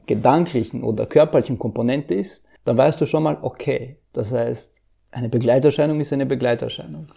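A man's voice: medium pitch, gravelly, warm tone. A man who coaches emotional intelligence, answering interview questions earnestly, repeating words and acting out inner voices.

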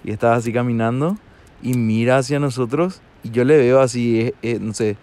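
A man telling a story casually, halting and laughing at himself. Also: medium pitch, a little mellow.

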